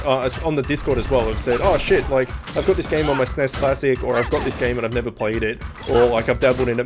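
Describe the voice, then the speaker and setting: A man doing casual, joking, sweary commentary as he plays a video game. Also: mid-range voice. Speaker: let's play host. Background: video game music.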